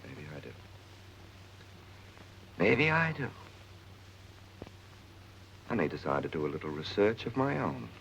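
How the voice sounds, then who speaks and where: A man's voice: low-pitched, sing-song, unhurried, gravelly, pauses often, fairly bright tone, a little hiss or hum, full character voice. A man acting an exasperated, wry character with sardonic screwball banter in a 1940s comedy film. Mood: testy. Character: exasperated, wry man convinced his brother returned as a dog. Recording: muffled vintage film soundtrack.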